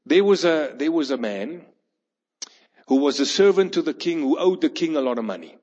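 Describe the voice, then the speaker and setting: A man's voice: fairly high pitch, expressive, normal speed, darkish tone. A man preaching a sermon, telling a parable and acting out its people. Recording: long hall reverb, dull lo-fi sound.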